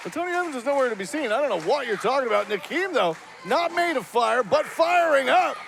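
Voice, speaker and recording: A man doing wrestling color commentary, excitable and playfully obtuse. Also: very high voice, fairly quick, vocal fry. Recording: loud crowd and noise behind.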